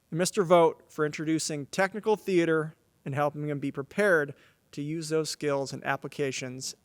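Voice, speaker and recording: Formal knighting ceremony man, slightly high voice. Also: dry recording. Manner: formal, addresses the audience as ladies and gentlemen. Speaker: announcer at a school honors ceremony. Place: stage of a large auditorium. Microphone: podium microphone.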